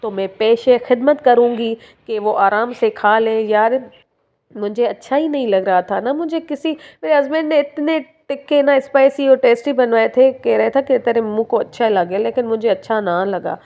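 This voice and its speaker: Recorded on a phone, a young woman from Sindh, Pakistan, narrates her home vlog in a chatty style, warmly addressing viewers and using fillers. She speaks at a normal speed in a slightly high voice, and the recording is muffled.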